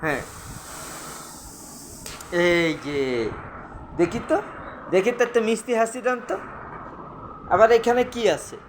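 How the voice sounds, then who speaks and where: A man's voice: high-pitched, expressive, a little slow, long pauses, a little hiss or hum. A man at home talking to his toddler in coaxing, sing-song baby talk, full of playful exclamations. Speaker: father filming his toddler. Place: at home indoors.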